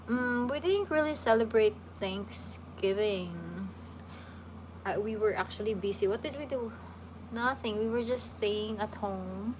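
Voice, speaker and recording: A Filipino woman in her thirties hosts a livestream, chatting casually with viewers and answering their questions. Her mid-range voice is relaxed and chatty, with frequent restarts, and there's background noise.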